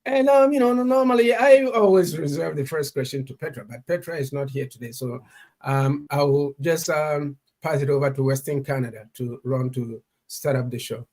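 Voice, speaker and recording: A man hosting a radio talk show, introducing his guest with hesitant, repeating starts and lively swings in pitch. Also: moderate pace. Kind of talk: casual radio interview.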